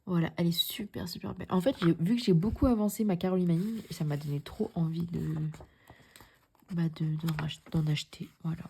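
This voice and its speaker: A young woman chats through her cross-stitch projects at home in a casual vlog. Her voice sits a little low and sounds mellow and warm, and she often trails into a soft near-whisper. A faint hiss of noise runs under the recording. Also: fairly quick, gravelly. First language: French. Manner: chatty, repeats herself, drops into soft near-whispers. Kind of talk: casual show-and-tell vlog.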